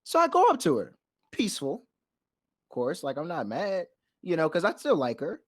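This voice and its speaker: A man's voice: a little high, moderate pace, no room sound, studio quality. A young man co-hosting a podcast, telling a story casually and acting out voices and sound effects. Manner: animated storyteller who acts out quotes and sound effects. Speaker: podcast co-host.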